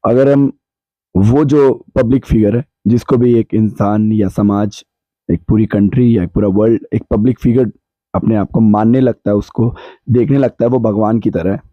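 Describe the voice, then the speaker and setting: A man with a sore, hoarse throat, explaining his views on a podcast in a measured way that weighs both sides. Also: lowish voice, fairly even intonation, no room sound, muffled recording. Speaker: podcast guest answering questions. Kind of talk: reflective podcast discussion. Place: cold hill town, bundled up.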